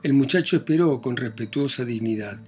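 A man reading a novel aloud as narrator, in a plain, measured telling that lifts his pitch and volume when voicing characters. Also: soft background music. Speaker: audiobook narrator.

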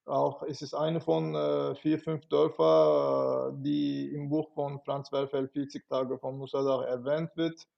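A man from Turkey, a guest in an interview, talking haltingly and often restarting as he searches for words. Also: fairly high pitch, flat delivery, creaky. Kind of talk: conversational interview. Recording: dull lo-fi sound.

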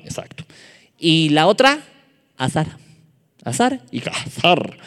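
A man's voice: a little high, fairly bright tone. A man leading a Bible study sermon as a youth preacher, talking conversationally with joking asides to the audience. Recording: echoey hall reverb.

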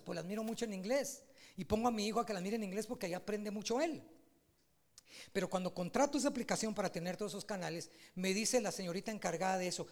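A man preaching a sermon in an animated way, rising to loud, emphatic peaks. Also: sits high.

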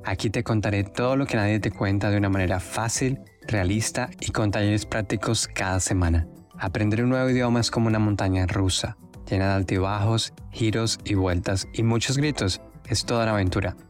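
A native Spanish-speaking man hosts a podcast, addressing listeners in a casual monologue that feels earnest, encouraging and personal. His voice is on the low side and a little fast, with faint music in the background.

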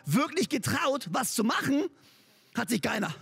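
A man preaching a sermon as a pastor, lively and emphatic, talking straight to his listeners in a conversational way with English words mixed in. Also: extremely high pitch, moderate pace, vocal fry, husky, soft background music. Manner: conversational, speaks directly to listeners.

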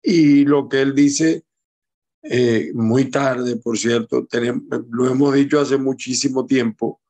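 A middle-aged man comments on politics in an unhurried, wandering way, with dry, wry asides. His voice sits at an ordinary middle pitch. He takes his time between thoughts. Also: steady tone, darkish tone. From Venezuela. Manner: slow, digressive, wry asides. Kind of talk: commentary on a news clip.

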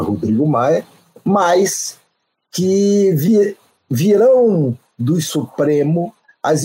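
Dark husky male political commentator. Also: mid-range voice, poor audio. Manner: measured, explanatory, frequent restarts. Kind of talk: panel discussion analysis.

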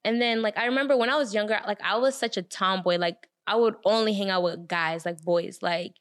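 A young woman co-hosting a casual chat, telling a story in an animated way, acting out the people she quotes, with lots of fillers and laughter. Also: mid-range voice, fairly quick.

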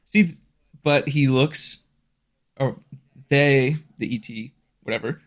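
An easygoing man in a mid-range voice, trading stories in a casual podcast chat. He laughs often and keeps a relaxed, chatty manner. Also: mid-range voice, takes it slowly. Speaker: podcast co-host.

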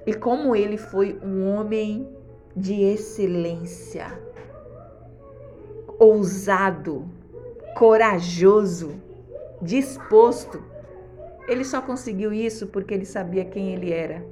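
A woman's voice: medium pitch, moderate pace, warm tone, soft background music. A woman pastor, preaching a devotional sermon in a fervent, exhorting way with repeated refrains.

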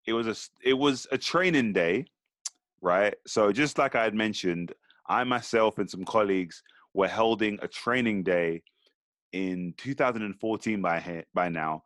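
Lively man telling stories. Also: lowish voice, normal speed, no room sound. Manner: animated storytelling, slangy. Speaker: podcast co-host. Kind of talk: casual podcast chat.

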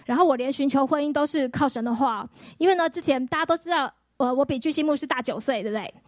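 A woman pastor, giving a lively healing testimony sermon full of acted-out quotes and rhetorical questions. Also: sits high, quick pace, dry recording, studio quality.

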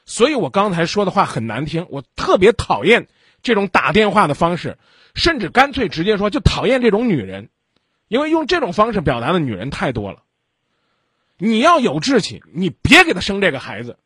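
A man hosting a late-night radio advice show, his voice a little husky and on the high side for a man. He lectures his callers bluntly, swinging widely in pitch as he scolds. The studio sound is close and dry. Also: huge pitch swings, brisk, a bit bright, no echo. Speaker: radio call-in advice host. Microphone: studio microphone.

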